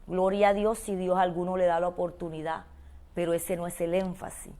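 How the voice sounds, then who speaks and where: Soft-toned woman preaching with swells. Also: lowish voice, little pitch movement, a little fast. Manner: emotive preaching, swings from soft intimate pleading to loud calls. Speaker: pastor. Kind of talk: sermon.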